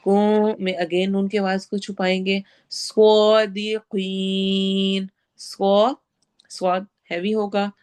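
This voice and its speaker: A woman teaching Quran recitation, reciting each phrase slowly and then patiently explaining how to pronounce it. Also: mid-range voice, little pitch movement, darkish tone. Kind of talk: tajweed lesson.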